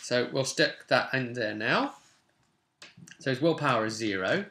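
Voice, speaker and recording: A man in his twenties who hosts a tabletop roleplay channel casually explains game rules and reads parts aloud from a desk in a small room at home. His voice is medium-pitched and unhurried with a sharp tone, and there's a little hiss or hum.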